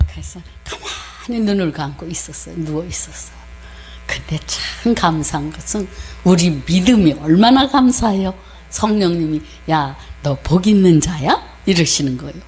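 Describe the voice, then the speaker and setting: A woman missionary preaching a sermon with a personal story, talking in an animated way, acting out the voices she quotes and often clearing her throat. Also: lowish voice.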